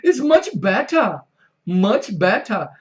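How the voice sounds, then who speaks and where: A man with a Brazilian Portuguese accent hosting an interview in English, halting with many fillers. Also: sits high, sing-song. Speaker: host, English teacher. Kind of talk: casual interview. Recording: dull lo-fi sound.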